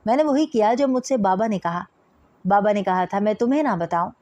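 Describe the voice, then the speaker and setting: A woman's voice: mid-range voice, lively intonation, fairly quick, a little mellow, dry recording, highs cut off, natural voice. A woman reading the lines of a young brother defensively explaining himself to his sister.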